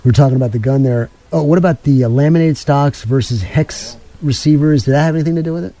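Male call-in radio host, rapid delivery, very dark mellow tone, chatty and rambling. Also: a little high.

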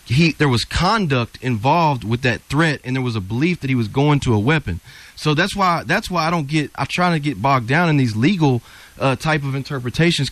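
A man's voice: mid-range voice, no echo. A man, an attorney guest on a call-in radio show, explaining self-defense law earnestly and repeating key points as he goes.

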